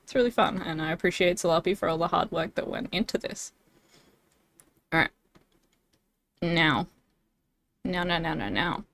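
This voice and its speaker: A woman's voice: on the low side, lively intonation, moderate pace, vocal fry, pauses often, a bit bright. A young woman streaming live, chatting casually and giggling often, with lots of fillers. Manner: bubbly and giggly, many fillers.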